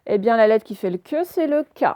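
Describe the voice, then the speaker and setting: A woman teacher recording a reading lesson for young children, stretching words slowly and sounding out each syllable. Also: a little high, animated, dark tone, dry recording, clean studio sound. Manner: slow, careful, stretched-out word pronunciation; pauses the recording to let pupils work. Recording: self-recorded home lesson.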